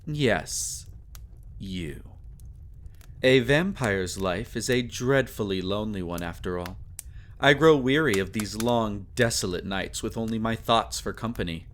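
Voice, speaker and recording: A man with a fairly low, fairly bright voice plays a sadistic, possessive vampire lord in a dramatic roleplay monologue. He is theatrical and taunting, silky and bargaining, with condescension and drawn-out phrasing. A little hiss or hum is audible.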